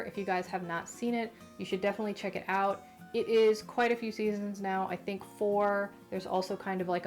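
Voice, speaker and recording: A woman's voice: medium pitch, darkish tone. A woman hosting a casual, chatty recommendation vlog, speaking with a mouth affected by recent wisdom tooth removal. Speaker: host.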